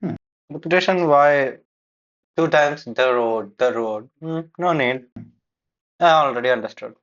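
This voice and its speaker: A man's voice: mid-range voice, measured pace, a bit bright, lo-fi sound. A man giving feedback on a speaking test, explaining corrections and replaying answers as a coach. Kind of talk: feedback commentary on a recorded test.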